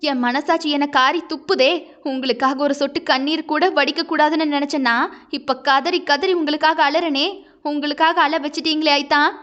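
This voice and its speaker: A woman's voice: sits high, steady tone, moderate pace, fairly bright tone, lo-fi sound. A woman doing a heartbroken proud young wife. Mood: breaking. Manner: impassioned, pleading, tearful.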